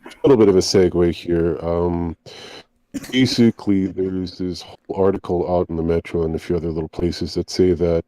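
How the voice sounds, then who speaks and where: Deep, dark-voiced man, hesitant. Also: steady tone, a little fast, dry recording, low-quality recording. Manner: hesitant, many uh fillers. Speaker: podcast co-host. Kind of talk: casual podcast chat.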